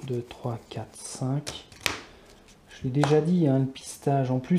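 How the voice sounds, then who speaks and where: A man's voice: on the high side, dark tone. A man narrating a solo card game, muttering to himself and counting cards aloud. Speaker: board game player.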